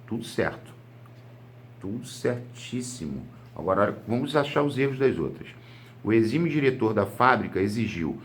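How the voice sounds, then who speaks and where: Brazilian male exam-prep teacher, lowish voice, patient step-by-step explainer. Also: fairly bright tone. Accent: Brazilian Portuguese. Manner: explains step by step, rhetorical questions and answers. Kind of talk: grammar lesson walkthrough.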